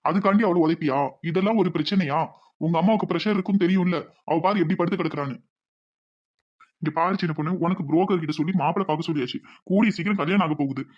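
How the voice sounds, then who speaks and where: A man's voice: high-pitched, fast talker, muffled recording. Stern bossy village father. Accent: Tirunelveli Tamil. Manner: bossy, lecturing.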